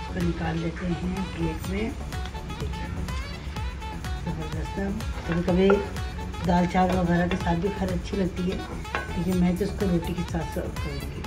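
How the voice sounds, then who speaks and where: A cooking channel host with a Pakistani Urdu accent talks casually through each step in her home kitchen for a cooking video voice-over. Her voice is fairly low-pitched and animated, moving at a moderate pace, with music playing in the background.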